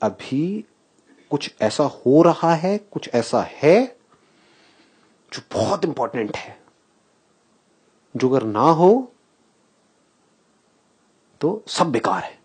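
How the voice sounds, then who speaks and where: With a fairly high pitch and a breathy edge, a spiritual speaker addresses a live audience. He poses questions animatedly, breaks into laughter often, and weaves English phrases through his Hindi.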